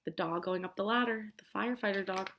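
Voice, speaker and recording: Over some background noise, a woman with a medium-pitched voice reads a picture book quickly. She's an American preschool teacher who keeps her wording simple and expressive and asks the children questions as she goes.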